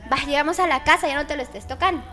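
A woman tells a work story as a podcast guest, in an animated way and quick to laugh. Her voice sits high. Faint music plays underneath. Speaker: kindergarten teacher and podcast guest. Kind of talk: casual storytelling chat.

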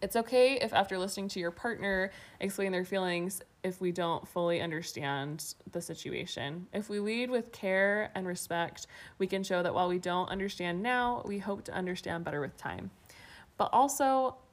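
A woman co-hosting a casual chat, explaining points clearly with playful asides, recorded on the floor under a blanket fort. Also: medium pitch. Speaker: podcast co-host.

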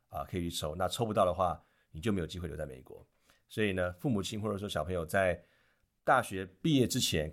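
A man, a guest in an interview, giving advice with many small filler sounds between phrases. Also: low-pitched.

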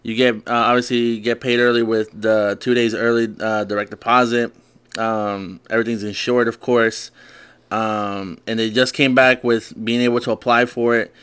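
A man's voice: mid-range voice, little pitch movement, moderate pace, fairly bright tone, smooth. A man hosting a casual podcast segment, rambling through news with many filler words. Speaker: podcast host. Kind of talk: casual chat.

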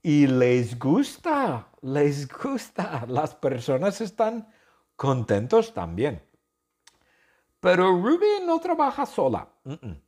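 A man's slightly breathy voice carries an unhurried story built for language learners. His pitch jumps widely as he mimics gunshots and cheering crowds, and he circles back over each phrase before moving on. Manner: animated, with sound effects and shouted crowd noises; speaks slowly and repeats phrases. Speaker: Spanish teacher telling a story. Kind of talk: slow storytelling lesson for learners.

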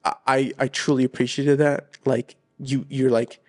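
A man co-hosts a casual movie podcast, chatting in an earnest, rambling way packed with fillers like "like" and "you know." His voice sits at medium pitch with little pitch movement, and he talks at a moderate pace.

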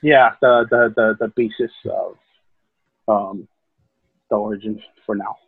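A man from Hawaii, a podcast guest, rambles through his life story with many fillers and restarts in a casual storytelling style. His voice is fairly low, steady, unhurried, creaky and husky. The sound is dry with no echo, coming through a tinny, phone-like call line.

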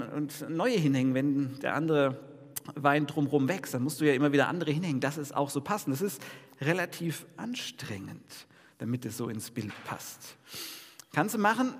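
Speaking at medium pitch, a male pastor gives a spirited New Year message whose sound fills a big space. He preaches in a talkative way, posing questions to the people in the pews.

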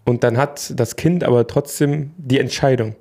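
Speaking at a normal pace in a slightly mellow, medium-pitched voice, this young podcast co-host keeps the chat casual. He cracks jokes, stays relaxed, and frequently leaves sentences unfinished.

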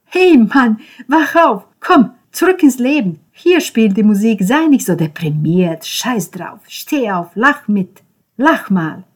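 A loud, cocky young man who taunts and pushes without any let-up, his voice raised and rough at the edges, as a woman reads him in an audiobook. Brash and provocative from start to finish. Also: lowish voice, normal speed, lightly acted. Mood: rowdy urging.

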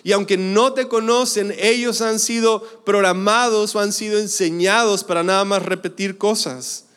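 A young man with a Mexican accent tells a personal story in a high, smooth voice. His delivery is loose and conversational, with many fillers. The sound rings with a long hall reverb. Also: fairly even intonation, moderate pace, fairly bright tone. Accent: Mexican Spanish. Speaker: speaker. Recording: echoey hall.

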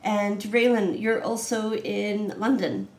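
A woman with a medium-pitched voice speaks slowly in a reverberant space. She's a host and artistic director running a casual video-call interview, chatty and warm, laughing often and saying "um" a lot.

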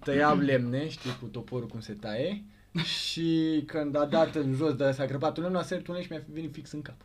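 A man's voice: on the high side, a little hiss or hum. A man co-hosting a podcast, chatting casually with short interjections and childhood stories. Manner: relaxed, quick interjections. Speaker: podcast co-host. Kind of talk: casual chat.

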